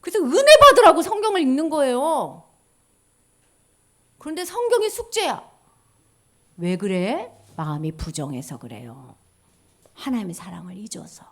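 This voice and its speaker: High lively woman preaching to kids, goes loud then drops to a whisper, keeps asking them stuff. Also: unhurried, long pauses. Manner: swings between loud exclamations and hushed whispers; speaks directly to children, asking them questions. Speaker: children's ministry preacher. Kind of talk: children's sermon.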